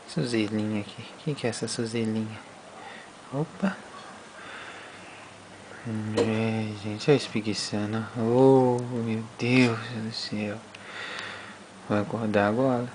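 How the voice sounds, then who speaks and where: A man talking baby talk to his infant daughter, cooing softly and sometimes whispering. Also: fairly low pitch, background noise.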